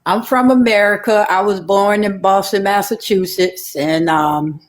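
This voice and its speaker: A woman from Alabama calls into a live stream. She speaks slowly and hesitantly, pausing to search for her words. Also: medium pitch, fairly even intonation. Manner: hesitant, lots of pauses and fillers. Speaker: caller. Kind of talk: casual call-in.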